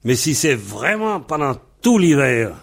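A man from Brittany teaching a Breton language lesson, spelling words out letter by letter in a deliberate way. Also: mid-range voice, very animated, gravelly.

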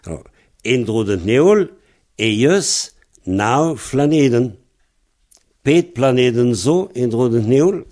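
A man teaching a language lesson, patiently repeating words and phrases slowly so they can be pronounced. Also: mid-range voice, sing-song, darkish tone.

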